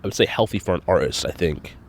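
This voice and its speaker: Young guy with a super deep voice, stuffy nose, kinda nasal, rambling and cursing through a solo podcast. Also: lively intonation, fast talker, a little hiss or hum. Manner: rambling, swears often, self-deprecating. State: congested nose. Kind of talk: casual rambling monologue.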